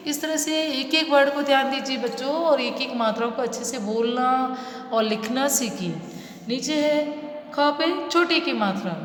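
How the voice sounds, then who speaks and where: A woman teacher giving a slow, patient children's reading lesson, repeating and stretching each sound. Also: high voice. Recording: echoey room with long reverb.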